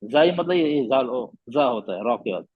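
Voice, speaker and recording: A man's voice: medium pitch, lively intonation, normal speed, breathy edge, dry recording, lo-fi sound. A man teaching Quran recitation in an online class, patiently repeating letter sounds and checking whether his students understood.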